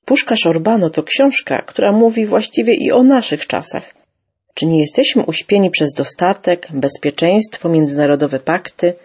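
Brief: earnest speaker, husky, asking rhetorical questions about a book. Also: mid-range voice, normal speed, darkish tone.

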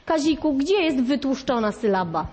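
High-voiced woman teacher in a reverberant classroom. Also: lively intonation, normal speed, darkish tone, a little hiss or hum. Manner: instructive, addressing pupils directly. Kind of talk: classroom lesson. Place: school classroom.

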